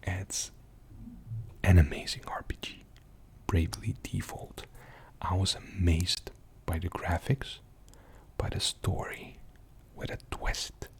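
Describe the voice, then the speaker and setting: A young man talks in a soft ASMR whisper, rambling with frequent fillers. What voice there is sits low and gravelly. Much of it is pure breath. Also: little pitch movement, slow. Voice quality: mostly unvoiced whisper. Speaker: ASMR video host. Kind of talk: whispered ASMR game show-and-tell.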